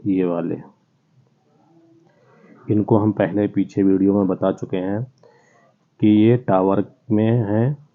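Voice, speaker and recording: Slow, low-voiced man teaching on a tinny line. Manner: slow, patient, spells out sounds one by one. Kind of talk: online lesson for children. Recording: tinny phone-like sound.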